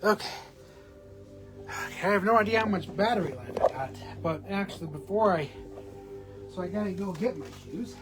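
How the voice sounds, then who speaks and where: Halting, breathless man on a home stream. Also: high voice, expressive, over music, poor audio. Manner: halting, rambling, many restarts. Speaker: vlogger. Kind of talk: casual live-stream vlog. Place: at home indoors. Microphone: camera on a small tripod.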